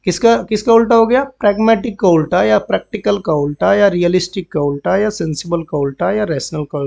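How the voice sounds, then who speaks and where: A man's voice: high voice, creaky, darkish tone. A man teaching vocabulary in a classroom style, often repeating words and checking with "understood?". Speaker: banking exam vocabulary teacher. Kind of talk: Hindi-English classroom explanation.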